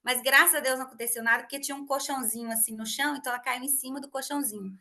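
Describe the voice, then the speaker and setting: A woman in her thirties hosting a casual podcast conversation, telling an animated story and acting out family dialogue. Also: sits high, racing. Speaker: host.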